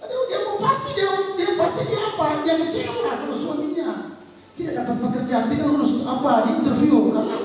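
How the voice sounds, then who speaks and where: A male pastor preaching a sermon and telling a story, lively and emotional with frequent exclamations. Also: very high voice, brisk, a crowd in the background. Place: church. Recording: echoey church hall, mic far off.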